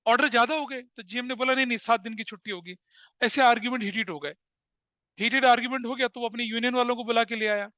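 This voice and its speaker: A man teaching commerce in a lecture that mixes Hindi and English, a lively storyteller who laughs at his own anecdotes. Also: extremely high pitch, no room sound, lo-fi sound.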